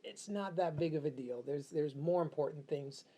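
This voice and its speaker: Here a middle-aged man from Uganda chats casually and thoughtfully as a guest in an interview, often repeating phrases for emphasis. His mellow voice is a little high, and his pace is moderate.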